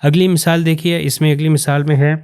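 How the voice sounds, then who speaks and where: A man from Pakistan, teaching Quran recitation patiently and step by step, pointing to written examples and slowing down to recite phrases carefully. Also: a little high, little pitch movement, darkish tone, clear, resonant tone. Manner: slows down to recite Arabic phrases with care. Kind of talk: recorded lesson explaining to learners.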